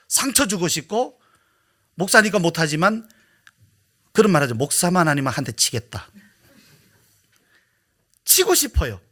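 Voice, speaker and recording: A man preaching a Sunday sermon as pastor, swinging between hushed, whispered asides and loud, emphatic rhetorical questions. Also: high voice. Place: church sanctuary.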